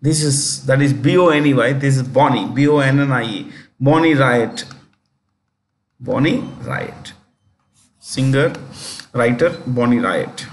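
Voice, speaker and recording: A man's voice: medium pitch, a little slow, a little hiss or hum. A man with an Indian English accent teaching a current affairs lesson in a chatty way, often correcting himself and spelling words out.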